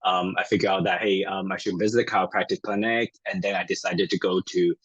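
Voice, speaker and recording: Guest chiropractor, man from Taiwan, Chinese first language; husky, low-ish voice, friendly and halting, dry room. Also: steady tone, no echo, highs cut off. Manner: friendly, hesitant, with many fillers. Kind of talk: casual interview chat.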